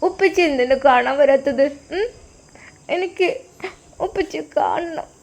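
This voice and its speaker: A woman's voice: high-pitched, measured pace, vocal fry, darkish tone, pitched above the performer's own voice. A woman doing a pleading little girl's voice. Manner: pleading, tearful. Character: little girl longing for her father.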